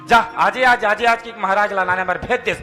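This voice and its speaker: Mocking householder, chhattisgarhi accent, high bright voice. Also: male voice, steady tone, brisk, soft background music. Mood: scolding. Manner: mockingly parrots the priest, laughs while scolding. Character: exasperated village householder, adult man, mocking. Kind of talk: comic sketch acting.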